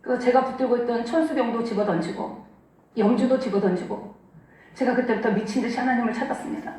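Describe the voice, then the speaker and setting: A woman giving an earnest, impassioned church testimony, telling her story with dramatic pauses in a church sanctuary. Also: fairly high pitch, mellow. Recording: echoey church hall, distant mic.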